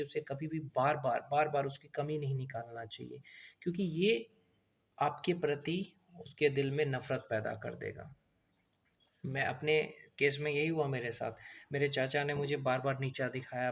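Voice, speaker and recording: A man's voice: medium pitch, dull audio. A man giving earnest, preachy advice in a monologue and repeating phrases for emphasis. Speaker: motivational video speaker.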